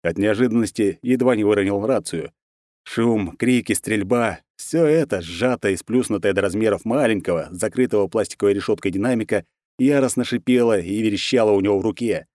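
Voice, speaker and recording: A man narrating a novel as an audiobook, reading in a steady, even storytelling manner. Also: lowish voice, a little fast, no echo. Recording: dry, close sound.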